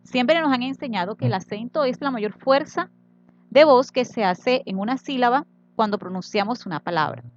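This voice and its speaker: Woman teacher going thru syllables one by one, patient, kinda dull lo-fi sound. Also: on the high side. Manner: slow, patient, syllable-by-syllable explaining. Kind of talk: recorded grammar tutorial.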